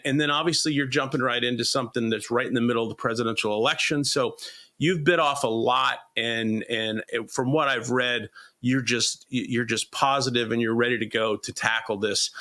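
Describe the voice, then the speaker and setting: Male podcast host with a forceful edge, enthusiastic, loose, full of restarts. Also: mid-range voice. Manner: eager, rambling with frequent restarts. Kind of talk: interview podcast.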